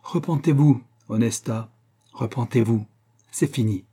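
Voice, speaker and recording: A man reading aloud and voicing a vengeful young Venetian nobleman in a grim, measured tone. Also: mid-range voice, mellow, breathy edge. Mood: cold.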